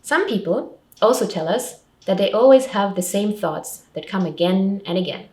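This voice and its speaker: Recorded from a distant microphone in an echoey space, a woman presents a scripted public information talk in the role of a support counsellor. Her animated, medium-pitched voice is a little mellow and moves at normal speed, offering simple, step-by-step advice in short, tidy sentences.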